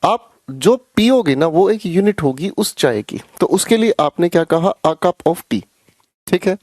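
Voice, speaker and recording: A man teaches grammar in a chatty, teasing way, calling out to his students by name. His voice sits a little high but sounds mellow and warm. The room is small and dry, with no echo. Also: lively intonation, normal speed. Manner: chatty, teasing, addresses students as beta and bhai. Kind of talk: live online class.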